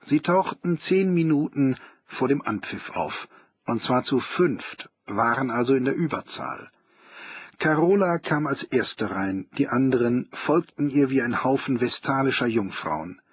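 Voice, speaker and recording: Husky man reading an audiobook. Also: mid-range voice, animated, unhurried, highs cut off. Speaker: audiobook narrator. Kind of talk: audiobook reading of a humorous novel.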